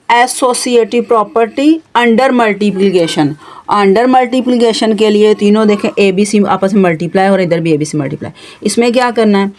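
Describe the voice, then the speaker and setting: A woman's voice: medium pitch, a little mellow. Patient woman teaching math step by step. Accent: Pakistani Urdu. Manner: patient, stepwise explanation with frequent pointing words. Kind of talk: explaining a math lesson.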